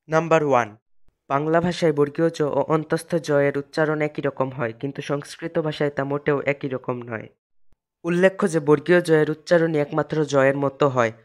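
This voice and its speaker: A man teaching pronunciation in a measured, scripted narration, slowing down to model each word. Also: fairly high pitch.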